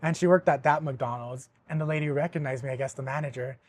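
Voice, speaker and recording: A young man hosting a podcast, telling a story in casual chat, animated and swearing often, with laughs mixed in. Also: medium pitch, fast, dry recording. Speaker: podcast host.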